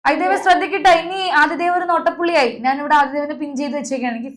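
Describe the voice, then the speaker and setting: Young woman teacher, high bright voice, online class, coaxing students by name, video call sound. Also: fairly even intonation, very fast.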